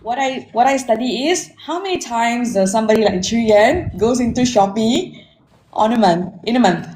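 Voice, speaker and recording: Her fairly high, animated voice is a little mellow and moves at normal speed as this forty-year-old Malaysian-accented woman introduces herself and her career informally. An interview guest and marketing technology consultant, she speaks to listeners conversationally, ending statements with "right?", in an echoey room with faint background noise.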